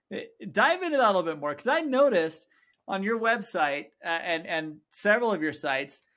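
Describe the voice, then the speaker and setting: A man hosting a business podcast, asking long, rambling questions and warmly affirming his guest's answers. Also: fairly high pitch. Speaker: podcast host. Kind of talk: podcast interview.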